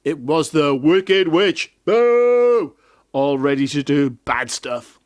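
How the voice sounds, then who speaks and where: Guy reading a kids fairy tale, high voice, fun and jokey. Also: slow pace, no echo. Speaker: storyteller. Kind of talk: playful children's story reading.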